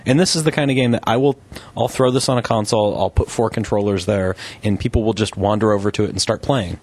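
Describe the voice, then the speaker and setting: Lower-voiced male gaming co-host. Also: steady tone, fast, darkish tone. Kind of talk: casual gaming chat.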